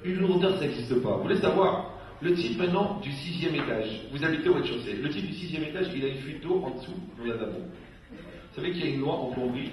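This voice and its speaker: A rabbi giving a humorous talk to a dinner audience, telling stories and acting out the people he quotes. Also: fairly high pitch. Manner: lively storyteller, acts out quoted people. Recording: echoey hall, distant mic, faint noise.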